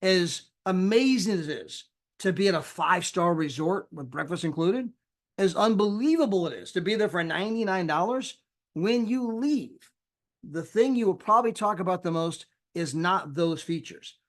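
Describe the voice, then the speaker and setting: A man's voice: high-pitched, lively intonation, normal speed. A man giving a chatty sales presentation over a screen share, often tagging his points with "right?" and "you know".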